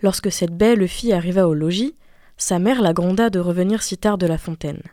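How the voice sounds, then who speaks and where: A woman reads a classic fairy tale aloud with expressive storytelling. Her voice is mellow and warm, and the recording is dry and close, with no room sound. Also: on the low side, brisk, dry recording. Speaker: reader.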